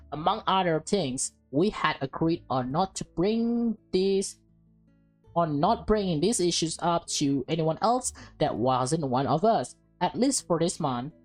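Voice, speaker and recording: A woman whose voice sits low with a darkish tone reads a visual novel aloud for a let's play. She comments casually and calls her viewers "guys" and "man," while music plays behind her.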